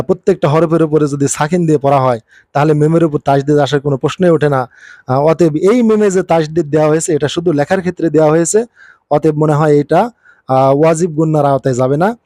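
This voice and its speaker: A man teaching a religious lesson on Quran recitation, explaining slowly with frequent hesitations and drawn-out letter names. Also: fairly high pitch, darkish tone, dry recording, clean studio sound. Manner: measured, hesitant explaining with many fillers, spelling out letters slowly. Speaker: Islamic teacher.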